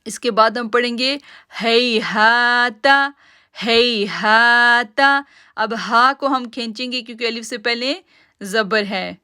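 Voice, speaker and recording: A woman teaching Quranic recitation rules, drawing out each word slowly to demonstrate it, then explaining the rules and addressing her listeners as sisters. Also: on the high side, pushed and bright, clear, resonant tone. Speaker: tajweed teacher. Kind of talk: online Quran recitation lesson.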